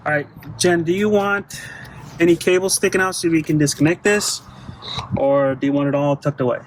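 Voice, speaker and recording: A middle-aged man who runs an off-road vehicle install channel keeps up casual, crude talk while working by hand. His voice is a little high, with fairly even intonation and a moderate pace, over a noisy background with music.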